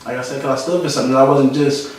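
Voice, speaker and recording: Speaking fast in a mid-range, darkish voice with fairly even intonation, a young man from Philadelphia talks reflectively about his life and often repeats phrases. He's a photographer being interviewed casually in a studio room, in his Philadelphia accent. The room echoes, the mic is distant, and there's a little hiss or hum.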